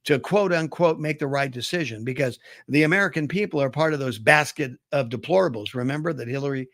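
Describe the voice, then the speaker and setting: A middle-aged man hosting talk radio, rambling into anecdotes and firm opinions. His voice is gravelly with a somewhat raised pitch, recorded close and dry. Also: quick pace, a bit bright, no room sound. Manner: conversational, storytelling, opinionated. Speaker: radio talk show host. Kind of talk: casual talk-radio commentary.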